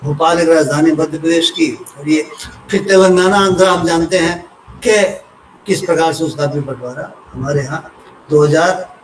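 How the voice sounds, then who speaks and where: An older man from Uttar Pradesh, a retired civil servant, explaining a topic in an unhurried lecture with homely examples and personal asides. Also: a little high, slight background noise. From Uttar Pradesh, India. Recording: roomy echo from a distant mic.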